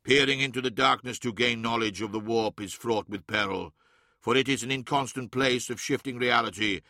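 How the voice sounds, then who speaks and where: A man's voice: mid-range voice, pushed and bright, no room sound, studio quality. A man voicing an all-powerful godlike emperor who speaks in grave, commanding proclamations.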